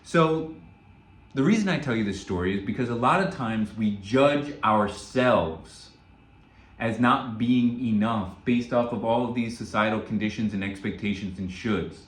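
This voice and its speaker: A man's voice: lowish voice, a little slow. Earnest man teaching in an echoey room. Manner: earnest, storytelling, frequent "right?" check-ins. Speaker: self-help coach. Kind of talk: spoken motivational teaching with a story.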